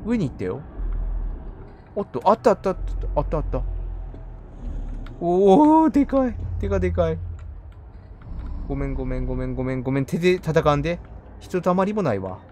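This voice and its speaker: Male let's-play commentator, slightly high and very animated, quiet mutters that jump to yelps, faint hiss behind. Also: brisk, pauses often. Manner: muttering to himself, then loud startled outbursts and apologies to monsters. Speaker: game commentator.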